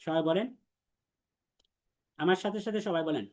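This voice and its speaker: A man teaches an Arabic letters class for the Quran at normal speed, his high-pitched voice darkish in tone. He explains step by step with patience and repetition and leads call-and-response drills with students.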